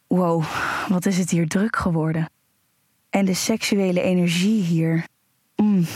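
A woman narrating a first-person erotic audio story in a slow, breathy, sensual way, with soft moans between sentences. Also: on the low side, no room sound, studio quality.

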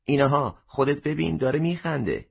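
A man's voice: lowish voice, lively intonation, creaky, slightly rough, heavily acted. A man voicing a frail, persistent old woman customer in an audio story, insistent and exclaiming. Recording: dull lo-fi recording.

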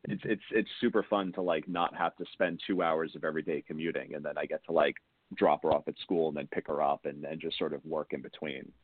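Deep-voiced man over a tinny phone line. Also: fairly even intonation, a little fast, a little hiss or hum. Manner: rambling, chatty, self-correcting. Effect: heard over a phone-like call line. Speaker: crime fiction author, interview guest. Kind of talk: casual interview chat. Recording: dry, tinny phone-like call audio.

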